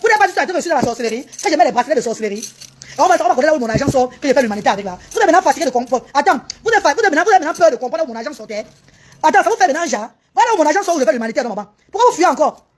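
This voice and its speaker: A woman's voice: high voice, big pitch swings. A woman, vlogging on social media in a defiant, indignant way. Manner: rapid-fire, defiant, indignant.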